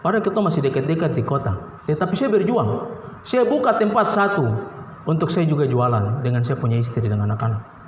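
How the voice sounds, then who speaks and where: A male pastor with a Papuan Indonesian accent preaching a sermon, swinging from low pleading to sharp high outbursts, recorded in a church hall. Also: lively intonation, fairly quick, slight background noise. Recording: roomy, dull, reverberant church recording.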